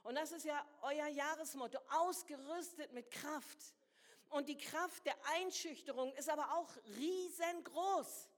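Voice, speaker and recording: High-voiced woman preaching in an echoing hall. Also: a little slow. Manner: emphatic, drives points home by repeating phrases; mixes casual slang into preaching. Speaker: guest preacher. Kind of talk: sermon.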